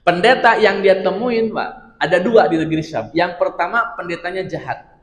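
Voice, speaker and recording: A man preaching an Islamic study sermon, telling stories with lively asides to his audience. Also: sits high, normal speed. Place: large mosque hall. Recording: echoey hall reverb.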